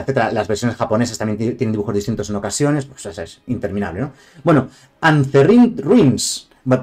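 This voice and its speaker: A man with a Castilian Spanish accent talks his way through a live stream in a loose, rambling manner. He drifts off on tangents and greets his viewers by name. Faint music plays quietly behind him. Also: mid-range voice. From Spain. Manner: chatty, digressive, greets viewers. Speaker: streamer reviewing card game cards. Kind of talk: casual live-stream commentary.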